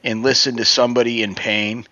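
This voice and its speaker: A man's voice: mid-range voice, little pitch movement, a little fast, bright, forceful tone. A man hosting a casual live-stream chat, laid-back and sympathetic, talking over an online voice call. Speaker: channel host. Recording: dry, muffled lo-fi voice chat audio.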